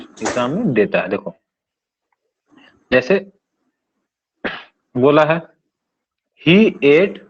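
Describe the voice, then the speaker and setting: A male teacher giving a classroom grammar lesson, explaining step by step and often checking that his students follow. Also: on the high side. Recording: dull lo-fi recording.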